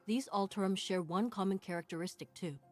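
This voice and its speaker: A woman's voice: mid-range voice, fairly quick, darkish tone, soft background music, close to an everyday voice. [name], a woman voicing a composed captain. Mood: briefing. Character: female team captain, composed and commanding. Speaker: game character.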